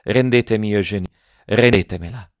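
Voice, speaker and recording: A man reading aloud voices a frail, feverish elderly wife who pleads softly with her husband. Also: lowish voice, moderate pace, no room sound, natural voice. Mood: begging. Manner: soft, pleading, timid. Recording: dull dry lo-fi recording.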